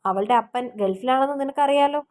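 Brief: chatty young man friend in an audiobook romance, voiced by a woman, hurried, voice a touch high. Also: darkish tone, close to an everyday voice. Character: talkative young man, busy organizer friend.

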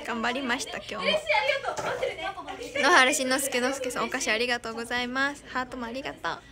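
A young woman with a high, bright voice and a Kansai accent chats casually to fans on a live stream. She giggles often and thanks viewers as she reads their comments. A crowd murmurs in the background. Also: steady tone, fast talker. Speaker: idol streamer.

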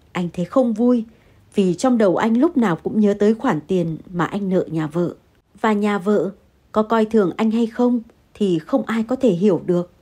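Mellow woman narrating a story. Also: mid-range voice, husky. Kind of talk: first-person storytelling.

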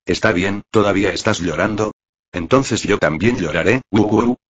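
Storybook: brash young officer, read by a man in his own low husky voice, dull lo-fi audio. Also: normal speed. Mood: cocky. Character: brash, cocky young male marine officer. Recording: dull lo-fi recording.

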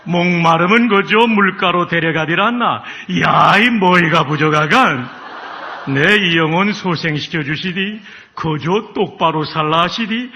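A man voicing a plain-spoken northern village man with a Pyongan accent, speaking slowly and emphatically. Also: a little high, dull audio, voice pushed up. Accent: Pyongan dialect. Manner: slow, emphatic, questioning rustic delivery.

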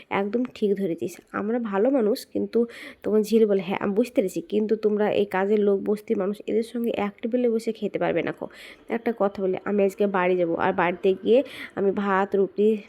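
A woman's voice: mid-range voice, warm tone. A woman casually retelling a TV serial episode, narrating and quoting each character's lines in turn. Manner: quotes each character in turn, switching between narration and dialogue.

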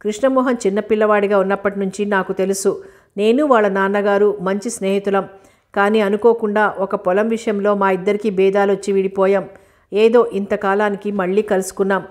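A woman's voice: mid-range voice, fairly even intonation, a little fast, darkish tone, lightly acted. A woman reading a humble old schoolteacher. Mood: calm. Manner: polite, modest. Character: older village schoolteacher, polite and humble.

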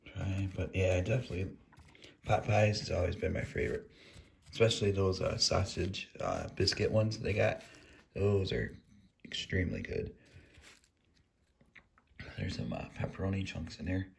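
A man with a very deep voice and a rough, fry-laden edge talks through a food review between bites. He rambles in a relaxed, unhurried way. A faint hiss sits under the recording. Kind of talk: casual food review vlog.

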